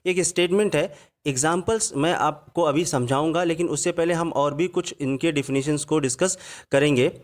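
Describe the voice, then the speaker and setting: A man with a slightly high voice gives an online grammar lesson in Hindi. He explains patiently and drops into slow, careful reading whenever he quotes an English example. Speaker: English teacher. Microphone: voice-over on slides.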